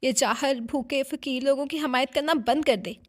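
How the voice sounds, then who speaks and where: A woman reading the lines of a furious, spiteful middle-aged aunt who shouts and sneers. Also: sits high, animated, brisk, creaky. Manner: shouting, scornful.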